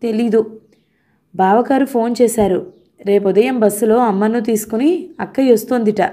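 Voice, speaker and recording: A woman's voice: on the high side, moderate pace, warm tone, lightly acted. A woman reading the part of a cheerful, affectionate young husband who is earnest about his mother, in her own voice. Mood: teasing. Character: young educated husband, cheerful and devoted son.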